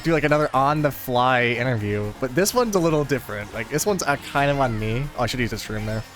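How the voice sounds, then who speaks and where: A man's voice: mid-range voice, a bit bright. A young man chatting casually while playing a racing game, telling a rambling story full of fillers. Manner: rambling, laid-back storytelling with many fillers. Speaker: gaming video host. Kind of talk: casual chat over gameplay.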